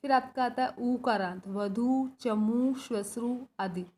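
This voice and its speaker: A woman's voice: on the high side, unhurried, a little mellow. Woman teacher explaining step by step. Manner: explains step by step, asking and answering her own questions; often adds "है ना" to check understanding. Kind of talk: recorded classroom lesson for school students.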